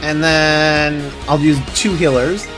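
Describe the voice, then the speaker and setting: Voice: mid-range voice, fairly even intonation, slow pace, music in the background, low-quality recording. A streamer giving casual playthrough commentary, muttering to themselves and sometimes swearing. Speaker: video game streamer.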